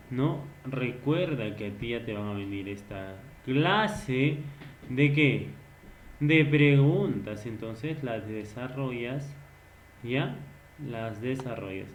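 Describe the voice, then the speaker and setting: A man's voice: mid-range voice, a little hiss or hum. A man teaching a recorded online language lesson, patiently explaining and asking rhetorical questions, now and then acting out example phrases. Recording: echoey room.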